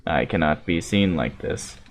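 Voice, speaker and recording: A very low, grave robot prophet from a video game, acted out by a man. He is solemn and secretive, speaking in measured, formal and courteous phrases. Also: animated, vocal fry, slight background noise, exaggerated voice.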